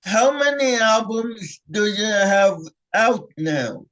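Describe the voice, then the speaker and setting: A man interviewing a singer, asking halting, hesitant questions full of ums. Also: high-pitched, lively intonation, a bit bright, low-quality recording.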